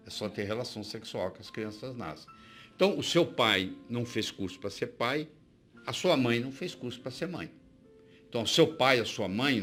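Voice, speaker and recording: Animated Brazilian man giving a pep talk. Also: medium pitch. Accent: Brazilian Portuguese. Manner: rhetorical questions, addresses the viewer directly. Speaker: motivational speaker. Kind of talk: motivational talk to camera.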